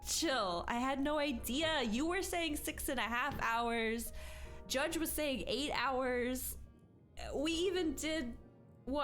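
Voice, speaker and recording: Excitable, chatty young woman streamer. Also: high voice. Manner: excitable and chatty, swinging into squealing disbelief. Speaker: game streamer. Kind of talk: casual live-stream commentary.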